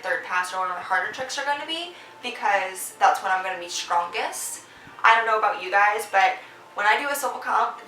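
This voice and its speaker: A woman's voice: mid-range voice, bright, forceful tone, far from the mic, slight background noise. A young woman vlogger giving casual, encouraging competition advice, chatty with lots of fillers. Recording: echoey room, voice a bit off-mic.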